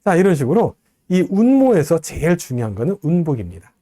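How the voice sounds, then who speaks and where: A man giving a recorded lecture, explaining step by step and slowly modeling pronunciations. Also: fairly high pitch, big pitch swings, dark tone, no echo, clean studio sound.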